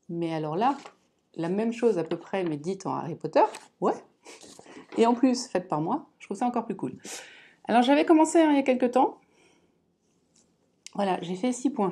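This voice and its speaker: A woman in her thirties talks through her week of crafting at home. Her voice is mellow and relaxed, and she rambles with many fillers and self-deprecating asides. It sounds like a casual camera-mic recording. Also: medium pitch. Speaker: crafting vlogger. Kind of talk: casual chat.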